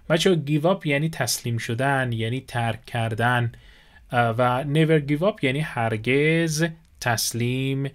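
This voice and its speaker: A man with a Persian accent teaching English phrases as an English teacher, explaining patiently and saying each phrase slowly, again and again. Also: medium pitch. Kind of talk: language lesson.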